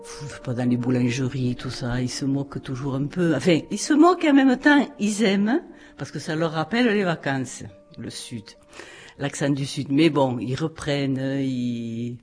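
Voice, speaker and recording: A woman with a southern French accent, chatting casually in an interview with drawn-out sentence endings. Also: extremely low pitch, expressive, darkish tone, faint music behind. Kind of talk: casual chat.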